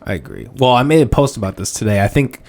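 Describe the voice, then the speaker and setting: A man's voice: mid-range voice, lively intonation, fast, darkish tone. A man hosting a casual podcast interview, asking rambling, hesitant questions full of fillers. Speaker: podcast host.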